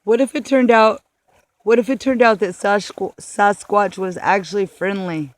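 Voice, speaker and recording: A man interviewing someone in a mock documentary, asking questions in a deadpan way. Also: sits high, normal speed.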